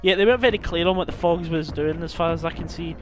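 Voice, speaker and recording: Sweary lad commentating a game. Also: male voice, a little high, quick pace. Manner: rambling, sweary, excitable. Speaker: let's play host. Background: game music.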